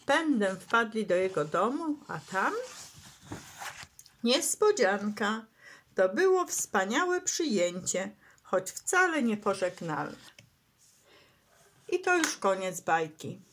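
A woman storyteller reading a bedtime tale to children. She reads slowly and gently, and her pitch rises and falls expressively with each sentence. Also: sing-song, a little hiss or hum.

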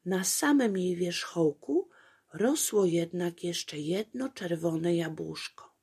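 A woman reading a children's fairy tale aloud in a gentle storytelling cadence. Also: on the low side, husky.

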